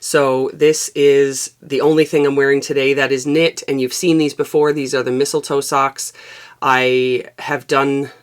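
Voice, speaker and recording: This woman's very deep, raspy voice moves a little slowly as she hosts a chatty knitting vlog. Easygoing and rambling with many fillers, the knitting podcast host records through an external microphone.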